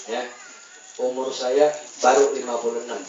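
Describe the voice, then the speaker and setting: A man, preaching a lively sermon with jokes to a gathering and calling for answers from the crowd. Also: normal speed. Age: 50s. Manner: booming, jesting crowd call-and-response. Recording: very echoey, far-off, muffled, loud hum.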